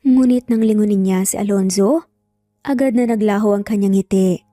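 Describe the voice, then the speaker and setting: Narrating a scripted romance with dramatic flair, a Filipino-accented woman speaks at a normal pace in a dark, medium-pitched voice. The audio is studio quality, with a roomy echo and faint background music.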